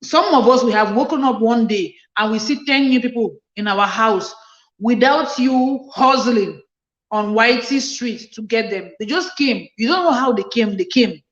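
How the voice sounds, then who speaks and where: A woman's voice: a little high, moderate pace, echoey room, lo-fi sound. A woman hosting a casual livestream chat, reading viewer comments aloud and answering them earnestly, often repeating phrases for emphasis. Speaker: livestream host.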